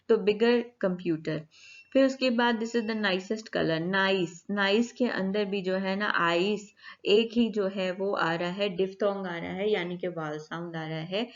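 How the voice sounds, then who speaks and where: A woman teaching a grammar lecture over slides, explaining step by step and reading the English rules out slowly. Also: medium pitch, muffled recording.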